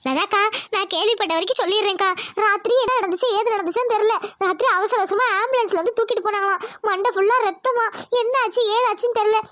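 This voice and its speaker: A woman's voice: extremely high pitch, no room sound. A woman voicing a soothing village neighbor. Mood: worried. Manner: soothing, hurried, hushed. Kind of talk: cartoon voice acting.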